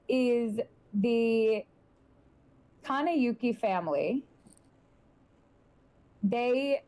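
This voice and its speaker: A woman's voice: mid-range voice, darkish tone, low-quality recording. A woman running a tabletop horror game as game master, narrating and reading out found texts with frequent hesitations. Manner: hesitant, many ums and restarts.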